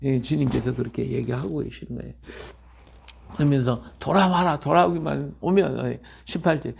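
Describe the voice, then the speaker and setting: A man's voice: medium pitch, normal speed, gravelly, darkish tone, husky. An older man preaching a Bible sermon in a rebuking, emphatic way, often repeating himself and checking in with the listeners. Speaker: pastor.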